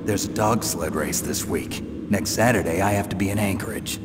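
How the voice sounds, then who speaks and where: An actor playing a gruff, weary, sardonic retired agent, speaking tersely in a video game mission briefing. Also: male voice, low voice, normal speed, heavy background noise, natural voice. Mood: reluctant, defiant. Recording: long reverb, music behind. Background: music.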